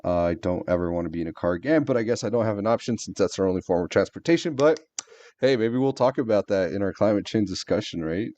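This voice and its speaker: A man's voice: fairly low pitch, expressive, fast, warm tone. A man co-hosting a podcast, telling a rambling story full of fillers in casual chat. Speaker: podcast co-host. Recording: dull lo-fi sound.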